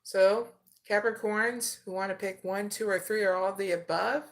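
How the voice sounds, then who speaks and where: A woman doing an oracle card reading who keeps tagging her sentences with "okay?" and slows down to read out each card. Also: medium pitch, steady tone. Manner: slow and deliberate when reading card names. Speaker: tarot reader.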